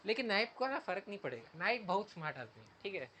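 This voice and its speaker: Male teacher, relaxed lesson explainer, reads slowly then recaps, faint background noise. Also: high voice. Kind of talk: explaining an English story in Hindi.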